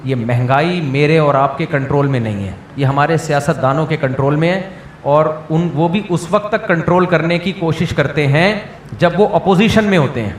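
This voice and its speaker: A man, a mufti answering questions from listeners in a plainspoken, teasing way, often checking whether the point has landed. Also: fairly high pitch. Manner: plainspoken, teasing, keeps asking if the point is understood. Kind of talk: question-and-answer religious talk. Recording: echoey room with faint background noise.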